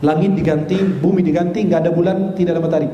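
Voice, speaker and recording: High-voiced man preaching in echoey hall. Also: steady tone, lo-fi sound, a little hiss or hum. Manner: slow careful recitation of Arabic sounds. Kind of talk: sermon. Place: mosque hall. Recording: echoey long hall reverb.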